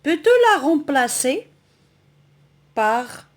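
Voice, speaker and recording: A woman teaching a French grammar lesson, speaking slowly and deliberately, repeating phrases and asking the viewer questions. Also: high-pitched, big pitch swings.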